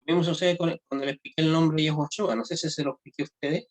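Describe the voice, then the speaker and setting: Male language teacher, slightly high voice, informal classroom lecture, frequent check-ins, halting delivery. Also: fairly even intonation. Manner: checks understanding with frequent tag questions; halting, restarts phrases often. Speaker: Hebrew grammar teacher.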